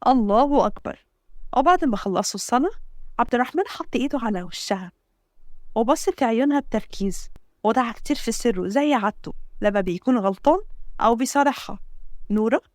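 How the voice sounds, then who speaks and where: Brisk Egyptian woman narrating a story. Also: a little high, lively intonation, no echo, studio quality. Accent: Egyptian Arabic.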